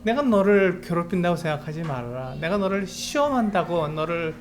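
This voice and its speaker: A man voicing God speaking gently and reassuringly to a suffering believer, in a fairly high voice. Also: animated, a little fast, a little hiss or hum. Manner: reassuring, repeating himself.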